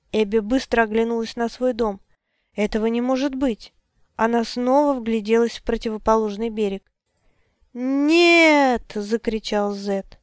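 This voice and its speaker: Clear-voiced woman narrating an audiobook. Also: on the high side, darkish tone, dry recording, clean studio sound.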